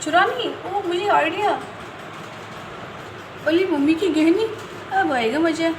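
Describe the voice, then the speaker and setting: A woman voicing a spoiled, mischievous little girl who whines loudly at her mother, recorded in a roomy, noisy space. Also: extremely high pitch, slow pace, distant mic. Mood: whiny. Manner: whiny and loud.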